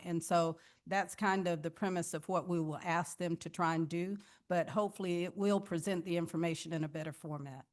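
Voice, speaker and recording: A woman, the city manager, answering commissioners' questions in a measured, explanatory way at a public meeting. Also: fairly low pitch.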